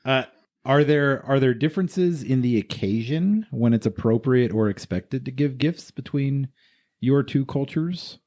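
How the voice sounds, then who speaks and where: A man's voice: mid-range voice, a little slow, darkish tone. A man from the United States co-hosting a podcast in casual chat, joking and asking long, rambling questions. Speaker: podcast co-host.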